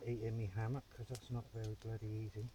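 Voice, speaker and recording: A man's voice: on the low side, monotone, fast talker, heavy background noise. A man vlogging from his hammock at a night camp, chatting casually with lots of fillers and banter. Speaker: bushcraft vlogger. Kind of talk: casual outdoor vlog chat.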